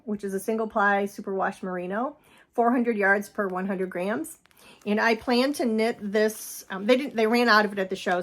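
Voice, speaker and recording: A woman hosting a knitting vlog, chatting casually about her shawls with frequent laughs and fillers. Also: medium pitch. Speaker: knitting podcast host. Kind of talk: casual chat showing knitted projects. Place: home.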